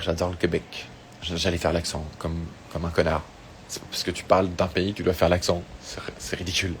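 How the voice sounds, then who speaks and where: Low-voiced, with a little hiss or hum on the audio, a male singer chats casually on an Instagram live from an open space or outdoors in Tahiti. He answers fan questions in a relaxed, talkative way full of fillers and restarts.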